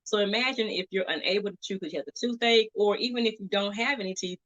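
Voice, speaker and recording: A woman as a dentist guest on an interview. She is chatty and lively, quick to laugh. Her voice has a bright ring. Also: mid-range voice, dull audio. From Atlanta, Georgia. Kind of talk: casual interview.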